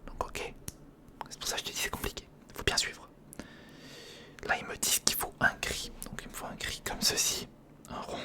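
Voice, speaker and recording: An ASMR host whispers breathily right up against the mic, thinking aloud to the listener while working through a step-by-step build. It's recorded on a close recorder or studio condenser microphone.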